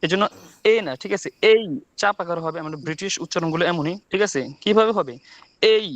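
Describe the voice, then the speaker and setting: A man's voice: fairly high pitch, a bit bright, dry recording, rough recording. A man teaching an online English class from a village home over his phone, often checking with "ঠিক আছে?". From Bangladesh. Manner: quick, repeats "ঠিক আছে?" to check students.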